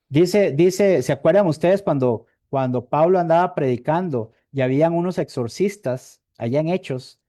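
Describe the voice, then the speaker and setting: A Costa Rican evangelist preaches in a chatty, conversational way, tossing questions back to the congregation. His voice sits a little high for a man but has a mellow, warm tone. He repeats words as he gropes for the next phrase. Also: dry recording, clean studio sound. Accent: Costa Rican Spanish. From Costa Rica. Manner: conversational, asks the congregation "¿verdad?" often; repeats words while searching for them. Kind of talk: sermon.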